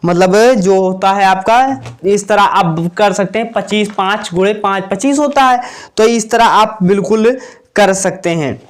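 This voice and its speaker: A man's voice: sits high, measured pace. A man teaching an exam-prep lesson at a whiteboard, asking questions and answering them himself, repeating key points. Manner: repetitive, asks and answers own questions.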